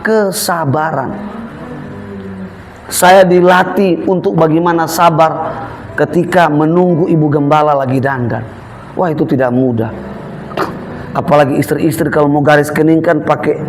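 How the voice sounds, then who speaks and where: Delivering a sermon, this Eastern Indonesian pastor spins humorous, lively stories and mimics the voices of his characters. He speaks in a high register, and a little background noise is audible.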